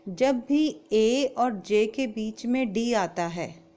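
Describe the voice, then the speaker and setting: A woman's voice: on the high side, lively intonation, extremely slow, warm tone. A woman with an Indian accent, an English teacher giving a grammar lesson who explains each point in English and then again in Hindi.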